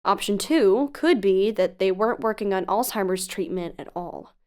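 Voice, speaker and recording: In an audio drama, an actress plays a cautious, analytical female researcher investigating for a podcast, sounding earnest and articulate as she reasons through dialogue and narration. Her mid-range voice is lively in intonation, a little mellow, at normal speed and close to everyday speech.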